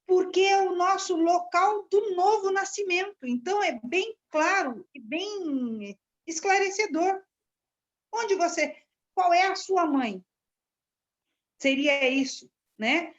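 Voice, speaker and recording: A woman giving a halting, searching commentary on a Bible passage in a study class. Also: very high-pitched. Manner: searching, halting delivery with restarts. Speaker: class participant. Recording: dull lo-fi sound.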